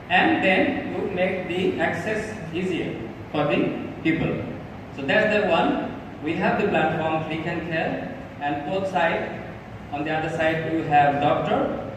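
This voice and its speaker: Bangladeshi man pitching in an echoey hall. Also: recorded from a distance, background noise. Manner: earnest, halting, with frequent fillers and restarts. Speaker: startup presenter. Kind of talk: live pitch presentation.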